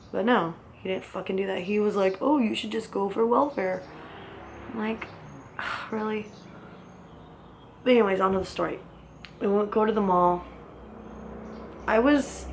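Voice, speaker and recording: A woman's voice: mid-range voice, a little hiss or hum. A young woman casually telling her own story in a rambling, blunt way, swearing often.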